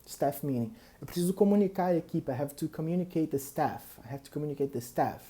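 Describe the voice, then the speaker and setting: Young Brazilian male English teacher, mellow dark voice, repeats vocabulary slowly for pronunciation drills. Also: on the high side. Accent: Brazilian Portuguese. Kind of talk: English lesson for Portuguese speakers.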